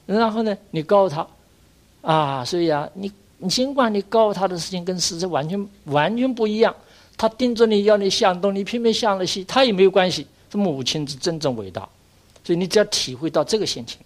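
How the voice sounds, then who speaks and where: An older man, a Buddhist monk, giving an earnest dharma lecture, exhorting his listeners and filling pauses with drawn-out sounds. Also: high voice, animated.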